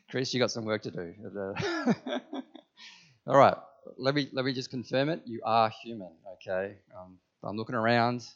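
A pastor with a mid-range, slightly slow voice preaches to his church congregation, pressing his points hard and often putting questions to the listeners. The recording has its high frequencies cut off.

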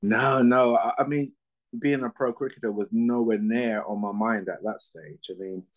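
A man in his fifties who grew up in Barbados, a former cricketer and coach answering interview questions in a measured way with lots of ums. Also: fairly low pitch, rough recording. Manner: measured, with frequent fillers.

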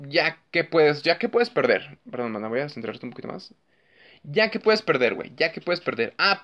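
A young man with a Mexican accent, recapping a movie scene in a casual, animated way, swearing often and laughing. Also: on the high side. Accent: Mexican Spanish. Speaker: podcast host.

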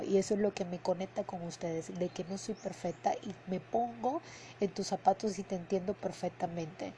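A woman's voice: on the low side, dark tone, slight background noise, poor audio. A woman hosting a podcast as an emotional coach, talking in an earnest, heartfelt way, repeating words for emphasis and ending sentences with a questioning "no?". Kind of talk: casual spoken podcast monologue. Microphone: headphones and podcast mic.

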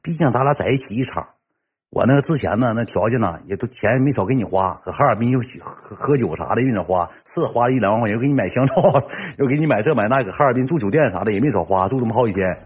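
A man with a Northeastern Mandarin accent telling a comic personal story in a rough, slangy ranting way. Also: mid-range voice, lively intonation, fast talker.

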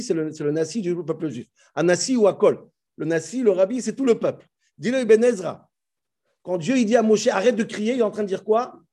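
Man, high-pitched, warm mellow tone, animated scripture teacher, emphatic, talks to listeners. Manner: dramatizes dialogue, switches to Hebrew recitation; addresses listeners directly, emphatic. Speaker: Torah teacher. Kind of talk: animated Bible class.

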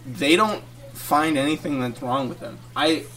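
Animated man telling a story, a bit far from the mic. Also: a little high, unhurried. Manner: animated, laughs through his own story. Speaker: podcast co-host. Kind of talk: casual storytelling.

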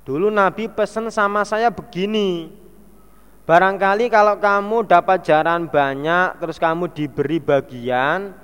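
A man with a Javanese accent reads a classical religious text aloud and translates it phrase by phrase, dropping in playful asides. His voice sits a little high and sounds smooth and resonant, and he takes his time. It rings with the long reverb of a large hall. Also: a bit bright. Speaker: religious teacher.

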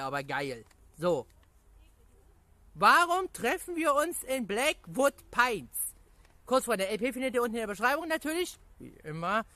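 A gaming YouTuber rambling excitedly through a casual video reply to viewers, full of pet phrases and laughter. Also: mid-range voice, no echo. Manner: rambling, chatty, repeats catchphrases and fillers.

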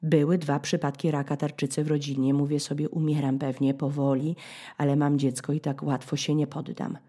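A woman in her thirties from Poland hosting a podcast, telling a story in a dramatic, ironic way, with sudden high-pitched bursts as she acts out scenes. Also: flat delivery, fairly quick, warm tone. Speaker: podcast host. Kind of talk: storytelling monologue.

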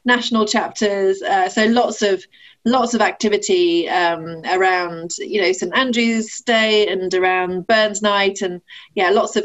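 A woman in her 40s from Sheffield, England, appears as an interview guest and ambassador. She answers questions in a friendly, chatty manner, laughing easily and using plenty of fillers and restarts. The audio is muffled and low-fidelity.

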